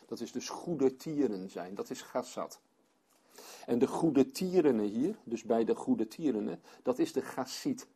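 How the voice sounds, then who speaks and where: A man's voice: medium pitch, warm tone, husky. A man leading a Bible study for a small group, reading scripture aloud and then explaining it as he thinks aloud.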